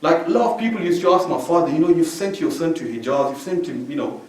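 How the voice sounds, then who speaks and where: A religious speaker from Belgium gives an informal, conversational sermon in a mosque hall, dropping "you know" throughout at a quick pace. His voice is on the high side and a little mellow, and standing back from a stand mic leaves it distant and drenched in heavy room echo.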